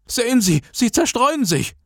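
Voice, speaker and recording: A man voicing a timid, trembling male teacher who pleads in a high squeaky voice. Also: big pitch swings, a little slow, no room sound, studio quality, heavily acted. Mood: pleading.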